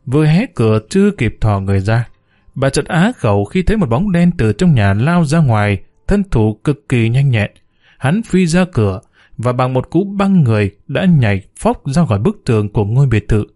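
A man's voice: mid-range voice, big pitch swings, normal speed, mellow. A man reading a suspense story aloud with dramatic storytelling. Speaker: narrator. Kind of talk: audiobook story narration.

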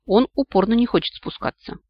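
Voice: medium pitch, a little fast, no echo, muffled recording, pitched above the performer's own voice, close to an everyday voice. An audiobook reader voicing a blunt, wisecracking male talking cat familiar. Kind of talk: audiobook character voice.

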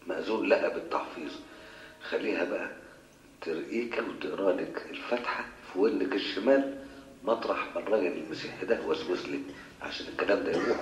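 A man's voice: deep voice, roomy sound, lo-fi sound. A man with an Egyptian Arabic accent, a sheikh answering worshippers' questions in a colloquial lecture, putting rhetorical questions to his listeners. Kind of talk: religious Q&A lecture. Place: mosque.

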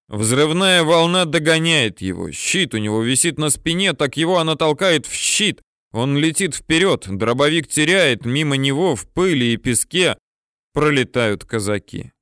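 Man, audiobook narrator, mid-pitched voice, steady storytelling with dramatic swells, dry close sound. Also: smooth, no room sound.

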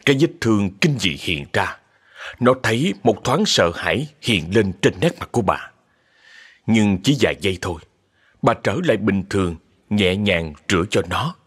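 A man narrating a scripted ghost story in a calm, expressive way. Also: fairly low pitch, normal speed, husky.

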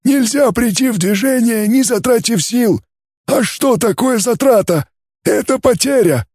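A man's voice: extremely high pitch, animated, a little slow, a little mellow, husky, dry recording, studio quality, pitched above the performer's own voice, full character voice. A man voicing a cold, calculating male alien scholar who speaks in a formal, gurgling way. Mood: coolly logical.

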